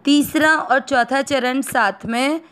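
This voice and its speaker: An Indian woman teaching Sanskrit pronunciation, breaking words into syllables and then chanting each verse slowly. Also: sits high, a bit bright. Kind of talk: slow syllable-by-syllable recitation lesson.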